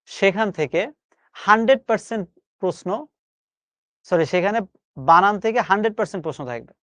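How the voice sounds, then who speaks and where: A man's voice: sits high, a bit bright, no room sound. A man with a Bangladeshi Bengali accent teaching spelling in a live online lesson, coaxing and repeating each word for his students to drill. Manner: coaxing, repeats words for drill, chatty colloquial asides.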